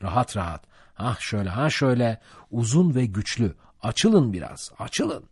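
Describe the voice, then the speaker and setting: A jovial boat mate, as a male reader puts him on, coaxes and rallies his oarsmen in a half-preaching patter. His husky voice leaps high and drops low. It is lively and sits close and dry. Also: moderate pace, no echo. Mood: rousing. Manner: coaxing, preachy, rousing. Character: jovial coaxing boat mate rallying rowers.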